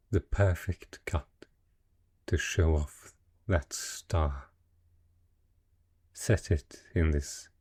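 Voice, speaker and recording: Playing a wealthy dragon posing as a human merchant patron, a man uses a deep, warm, slightly rough voice in full character for an intimate fantasy romance roleplay. He's possessive and teasing, coaxing slowly and with courtly manners, while telling his tale with pride.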